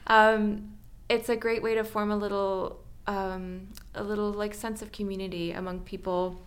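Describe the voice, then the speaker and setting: A woman's voice: medium pitch, flat delivery, normal speed. A woman from Northern Alberta answering interview questions casually about her solar project, with lots of fillers and restarts. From Northern Alberta, Canada. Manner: chatty, many fillers and restarts.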